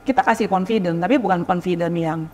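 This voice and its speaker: A woman's voice: fairly low pitch, fairly quick, darkish tone, faint music behind. Chatty woman in a reverberant hall. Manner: chatty, tags sentences with "gitu ya". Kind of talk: panel discussion.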